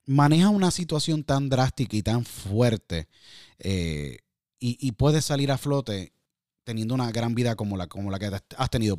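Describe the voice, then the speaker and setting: A man's voice: mid-range voice, darkish tone, no room sound, studio quality. Eager male podcast host. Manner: enthusiastic, long rambling questions with fillers. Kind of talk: interview hosting.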